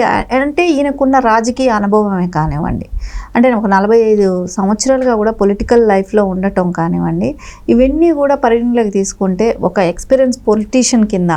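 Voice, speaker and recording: A woman with a fairly high, warm voice speaks as a political party spokesperson in an interview. Her commentary is conversational yet emphatic, and she repeats points to insist on them.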